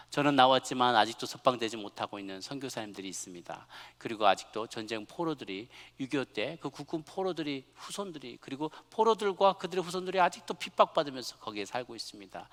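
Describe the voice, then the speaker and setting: A male pastor giving a sermon, moving between relaxed personal storytelling and fervent, emphatic preaching to his congregation. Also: medium pitch. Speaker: senior pastor. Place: large church sanctuary. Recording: long hall reverb.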